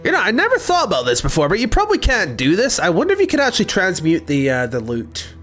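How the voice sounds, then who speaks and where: A man's voice: high-pitched, wildly swooping pitch, fast, a bit bright, faint music behind. A young man streaming a game, chatting casually in a rambling, talkative way. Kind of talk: casual gameplay commentary.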